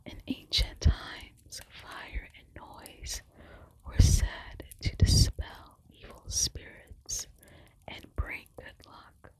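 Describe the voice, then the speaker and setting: Casting: female ASMR presenter, fully whispered librarian-style hush, unhurried, deliberate reading of facts. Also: rough recording. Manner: librarian-like hushed whisper, unvoiced.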